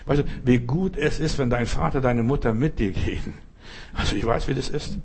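A middle-aged man from the former Soviet Union preaching a sermon, talking straight to the listener and bursting into dramatic shouted cries for help. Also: medium pitch, moderate pace, husky. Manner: talks straight to the listener with repeated "verstehst du".

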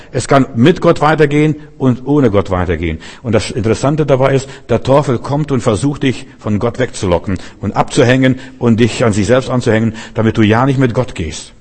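A man with a husky, breathy voice delivers a loose, conversational sermon. He keeps turning to his listeners with little questions to check they follow. His pitch sits in an ordinary middle register. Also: a little mellow. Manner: talks straight to the listener, keeps asking "weißt du?". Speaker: preacher. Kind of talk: informal sermon.

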